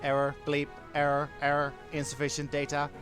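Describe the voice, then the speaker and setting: A man's voice: fairly high pitch, monotone, brisk, music in the background, lightly acted. A man voicing a cold male machine intelligence that glitches and stutters through error messages in a stiff, robotic delivery. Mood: glitching. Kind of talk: fan voicing of game cutscenes.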